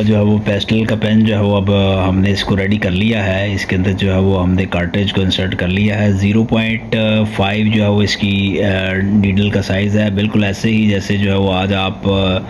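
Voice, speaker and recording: Lower-voiced Pakistani man, eager review patter. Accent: Pakistani Urdu. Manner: leans constantly on the filler "jo hai vo"; upbeat and eager when praising the product. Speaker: host, stationery product reviewer. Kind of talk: product review vlog. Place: small indoor room. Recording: steady background noise, slightly dull.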